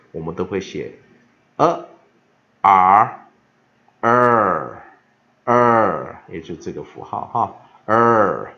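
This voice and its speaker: A man leads an English pronunciation lesson in a low, gravelly voice that swings widely in pitch. He drags out the example words slowly and loudly and fills his pauses with "ah". The recording is dull and lo-fi. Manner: lively, drawn-out demonstration of words, frequent filler "ah". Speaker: English teacher.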